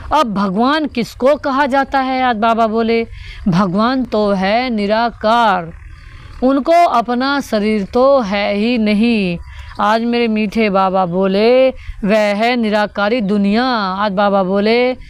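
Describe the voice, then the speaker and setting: Smooth-voiced woman giving a devotional sermon. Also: fairly high pitch. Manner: repeats each point, often with rhetorical questions. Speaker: spiritual teacher explaining the daily murli.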